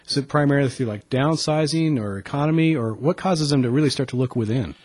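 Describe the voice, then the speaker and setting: A man interviewing a guest, asking brisk, direct questions. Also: mid-range voice, darkish tone, no echo.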